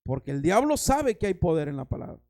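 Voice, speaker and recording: A man's voice: sits high, big pitch swings, brisk, darkish tone. A man preaching a sermon as pastor, dramatic, acting out voices and stories.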